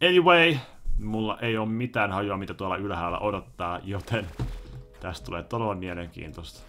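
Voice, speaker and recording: Gravelly low-voiced young man gaming. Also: slight background noise. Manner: excitable, talks to himself, swings from mutters to loud outbursts. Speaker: gaming YouTuber. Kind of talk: let's play commentary.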